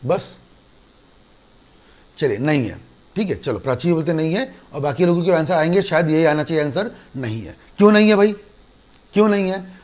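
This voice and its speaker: An Indian man lectures on law to an online class in an animated way. He keeps switching into little scenes, playing both himself and his students. His voice sits slightly higher than most men's. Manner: animated, acts out student dialogues.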